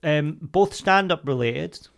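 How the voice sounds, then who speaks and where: A man's voice: a little high, expressive, slow, gravelly. A male comedian co-hosting a podcast with casual banter, swearing freely and ranting in mock exasperation.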